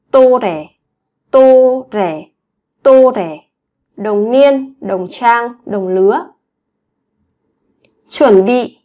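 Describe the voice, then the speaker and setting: A woman teaching Korean vocabulary to Vietnamese learners, saying each word slowly and clearly and repeating it several times. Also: a little high, darkish tone. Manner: slow, clear word-by-word repetition. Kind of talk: vocabulary drill lesson.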